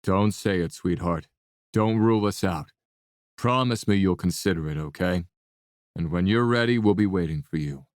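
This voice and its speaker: A woman voicing a tender, steady man. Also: a bass voice, normal speed, no echo, studio quality, pitched below the performer's own voice. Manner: soft, firm and reassuring. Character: tender, steady younger brother, a grown man. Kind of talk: audiobook narration.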